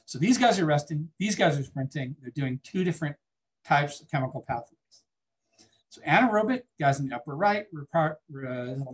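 Male biology teacher, fairly high voice, conversational classroom lecture, quizzing students. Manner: conversational, asks the class questions.

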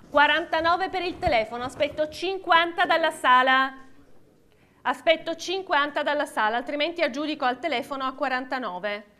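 High-pitched woman auctioneer calling bids. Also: sharp tone. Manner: auctioneer's chant, repeating bids and counting down. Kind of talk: live auctioneering of classic cars. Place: large auction hall with seated audience.

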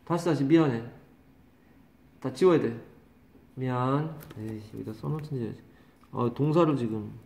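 A man teaching English vocabulary to a class, drawing out pronunciations slowly and teasing and scolding his students. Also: medium pitch, vocal fry, a little mellow. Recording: echoey classroom.

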